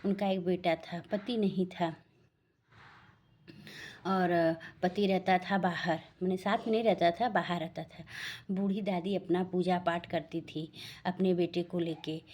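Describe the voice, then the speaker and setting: A woman's voice: on the low side, fairly even intonation, unhurried, a little mellow. A woman telling a devotional folk tale in a plain, homely way, restarting sentences as she goes. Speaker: storyteller.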